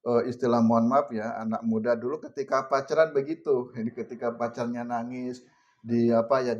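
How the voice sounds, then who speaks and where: A man's voice: medium pitch, darkish tone. A man giving an informal religious lecture, talking straight to his listeners and often laughing. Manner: chatty, addresses audience directly, laughs often, mixes Javanese words. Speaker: religious teacher. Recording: muffled lo-fi recording.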